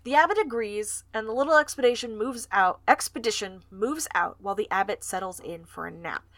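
A woman's voice: mid-range voice, a little fast, fairly bright tone, dry recording. A woman co-hosting a podcast, chatting casually and recapping a book's plot, swearing now and then. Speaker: podcast co-host. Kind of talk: casual book discussion.

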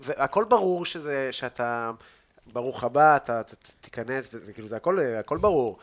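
A man's voice: mid-range voice, lively intonation. A male podcast host chats casually in an easy, middle-range voice. He is hesitant, stumbling and restarting his words as he works toward a question. The recording is made indoors in a loft apartment. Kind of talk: casual chat.

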